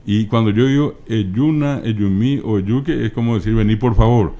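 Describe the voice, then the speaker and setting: A middle-aged man with a Paraguayan Spanish accent, patiently explaining language points as an interview guest and spelling out word forms slowly. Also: on the low side, warm tone, dull audio. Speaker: guest, Guaraní language scholar.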